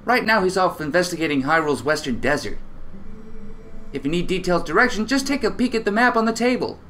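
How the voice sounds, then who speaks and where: A man's voice: high-pitched, lively intonation, fast, pushed and bright, a little hiss or hum. A man doing a sassy motherly barkeep woman. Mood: warm teasing. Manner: calls everyone honey, drawling.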